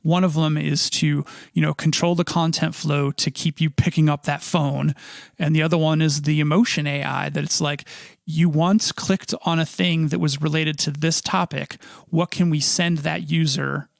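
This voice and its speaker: A man's voice: fairly high pitch, fairly even intonation, gravelly, dry recording, clean studio sound. A man co-hosting a podcast, explaining things in casual conversation. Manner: explanatory, measured. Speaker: podcast co-host.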